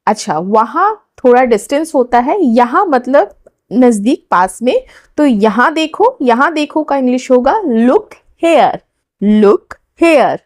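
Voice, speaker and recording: A woman teaching everyday English phrases in a slow, deliberate lesson, saying each phrase twice for learners to repeat. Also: sits high, big pitch swings, darkish tone, dry recording.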